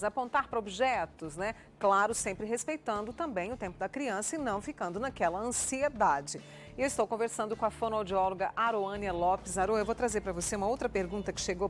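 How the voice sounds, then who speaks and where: A woman's voice: medium pitch, a little fast. A Brazilian woman hosting a TV morning show, interviewing a guest and reading out viewers' questions. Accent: Brazilian Portuguese. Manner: friendly, reads viewer questions aloud. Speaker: TV show host.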